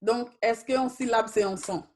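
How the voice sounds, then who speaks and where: A woman's voice: on the high side, fairly even intonation, a little slow, darkish tone. A woman teaching a Haitian Creole class, switching between Creole and French and questioning her students patiently.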